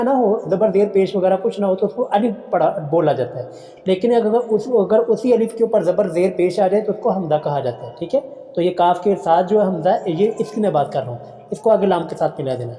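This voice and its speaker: Patient male Quran teacher, echoey room. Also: sits high. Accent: Pakistani Urdu. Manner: drawn-out, slowed recitation of each phrase, then calm correction. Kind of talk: slow tajweed lesson, reciting then explaining.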